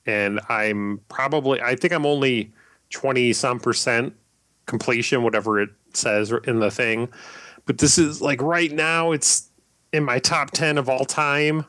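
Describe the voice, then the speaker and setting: Guy rambling on a podcast, lots of ums and restarts, mid pitch, dry mic sound. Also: steady tone, bright, forceful tone, no room sound. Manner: rambling, halting with many fillers and restarts. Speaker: podcast host. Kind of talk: casual chat.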